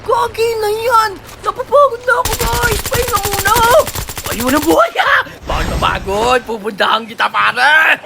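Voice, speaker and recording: A young man giving casual, excitable commentary while playing a shooter game, swinging from low mutters to high squeals and shouts. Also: moderate pace, gravelly, noisy background. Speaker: gaming streamer. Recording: game audio with gunfire behind.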